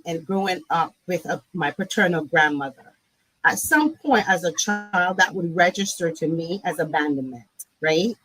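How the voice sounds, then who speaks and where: Low husky woman, reflective. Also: fairly bright tone, no room sound, low-quality recording. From Barbados. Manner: reflective, repeats "right?" often. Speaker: guest, nonprofit CEO. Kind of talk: conversational interview.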